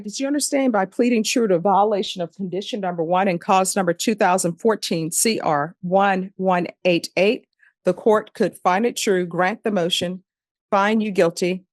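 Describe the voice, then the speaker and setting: A woman judge in a courtroom recording, formally reading case numbers and charges in a measured, procedural way. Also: medium pitch, a little mellow, no room sound. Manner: measured, procedural, repeats formulaic questions.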